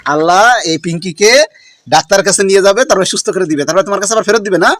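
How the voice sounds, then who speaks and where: A woman with a vlogging in a village, teasing and chatting fast while she addresses her viewers. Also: mid-range voice, no echo, studio quality. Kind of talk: village vlog narration to viewers. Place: outdoors in a village.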